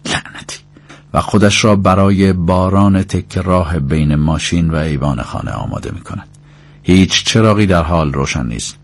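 A man narrating an audiobook in a measured, descriptive way. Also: low-pitched, creaky.

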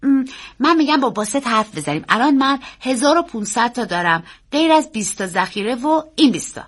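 A woman's voice: a little high, voice pushed up. A woman voicing an earnest, secretive young boy who talks in an urgent, pleading way. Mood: eager. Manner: urgent, pleading, quick and excited.

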